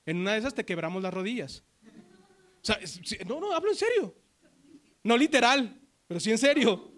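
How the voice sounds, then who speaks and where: A man preaching a sermon to a congregation, swinging from loud, high outbursts to low, hushed emphasis. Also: very animated, normal speed. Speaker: pastor. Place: church service before a congregation.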